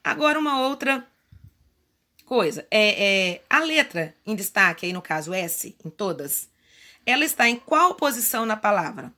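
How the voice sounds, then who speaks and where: A woman's voice: mid-range voice, very animated, normal speed, sharp tone. A female primary school teacher from Brazil patiently going through workbook exercises step by step in a remote lesson. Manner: patient, explains step by step with diminutives.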